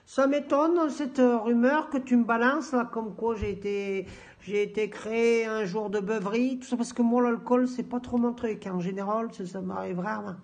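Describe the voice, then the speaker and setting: A man's voice: extremely high pitch, fairly even intonation, moderate pace. A man leaving a comedic video message in character as a rapper, rambling and stammering in slangy speech.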